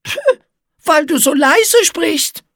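A woman's voice: high voice, animated, takes it slowly, a bit bright, no room sound, clean studio sound, voice pushed up, heavily acted. A woman voicing a prim, easily offended young female spider in a storybook reading.

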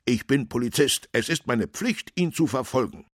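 A man's voice: mid-range voice, moderate pace, no room sound, studio quality, pitched above the performer's own voice, lightly acted. A man voicing an eager, dutiful male village policeman in a somewhat raised, earnest voice. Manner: excited, earnest, a little raised.

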